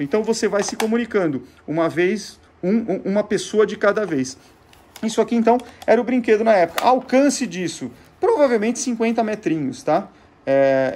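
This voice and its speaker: Hosting a program about vintage gadgets, a man with a Brazilian Portuguese accent speaks in a high-sitting, somewhat mellow voice over slight background noise. He demonstrates informally and didactically, frequently raising questions and answering them himself.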